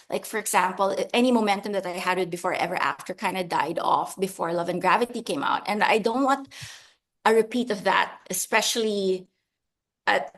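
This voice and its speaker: A Filipino woman with a mid-range voice takes interview questions as an author guest over a video call. She's chatty and laughs a lot, often poking fun at herself.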